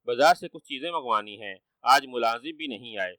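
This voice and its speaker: Give me a cunning storybook trickster, voiced by a man with a bright, dry voice. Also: mid-range voice, animated, no room sound. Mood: teasing. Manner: teasing, sly. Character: cunning playful young male trickster.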